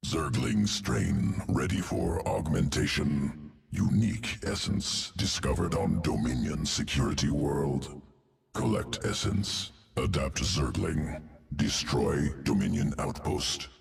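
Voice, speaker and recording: Far from the mic, a man in full character voice plays a video game's cold, clinical alien insectoid geneticist. His pitch is extremely low and animated, with vocal fry, and he delivers deliberate, clipped, telegraphic phrases without articles in a guttural growl.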